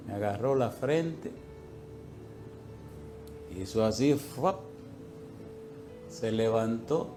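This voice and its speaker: A man preaching a sermon, telling a personal story in an animated way and laughing now and then, with faint music behind him. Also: mid-range voice.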